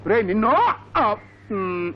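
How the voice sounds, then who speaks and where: An actor playing a loud, indignant village father who rants and shouts in a comic way, on a dull old film soundtrack. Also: sits high, fairly even intonation, slow pace, a little hiss or hum. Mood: ranting. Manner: shouting, ranting.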